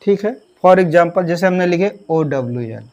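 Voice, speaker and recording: A man's voice: high voice, expressive, normal speed, darkish tone, lo-fi sound. A male English grammar teacher giving a lesson. He asks the class questions, answers them himself, and spells words out letter by letter.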